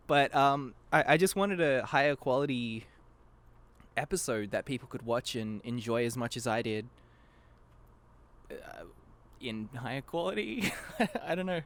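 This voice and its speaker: Animated yet measured, his slightly bright mid-range voice pauses often. In casual podcast chat, the fan abridged-series creator rambles as a guest, mocking himself gently and stopping mid-thought.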